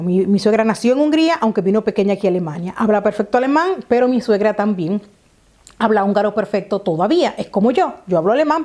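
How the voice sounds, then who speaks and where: Her voice is fairly high and a little mellow as this Dominican vlogger addresses the camera. She keeps it casual and explanatory, repeating herself often and filling her speech with fillers.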